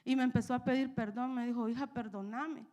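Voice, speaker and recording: A young woman preaching in church. Her voice sits fairly high, and she tells her story with emotion, often checking in with "¿verdad?". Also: little pitch movement, fast, mellow. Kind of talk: personal testimony in a sermon.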